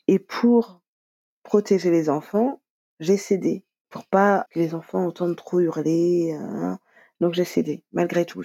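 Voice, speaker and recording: A woman's voice: low voice, creaky, warm tone, slightly rough, dry recording. A woman telling her own story in a conversational interview, quoting dialogue, with many fillers. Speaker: guest. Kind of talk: personal testimony interview.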